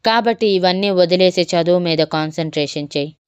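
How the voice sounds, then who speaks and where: A woman's voice: fairly low pitch, a little fast, clean tone, no room sound, lo-fi sound, close to an everyday voice. A woman voicing a stern middle-aged father who lectures his daughter.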